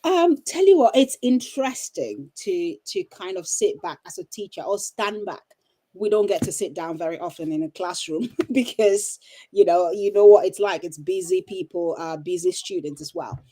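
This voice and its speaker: Casting: middle-aged woman from Cameroon, low warm voice, reflective teacher type, many ums. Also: animated, moderate pace. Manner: thoughtful, with frequent ums and restarts. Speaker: teacher and coach. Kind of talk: casual interview answers. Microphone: video call.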